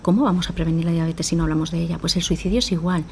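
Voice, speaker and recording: With slight background noise, a woman with a low, steady, darkish voice speaks rapid-fire as a psychologist guest in a podcast interview. Her explanations run long, and she acts out dialogues with parents.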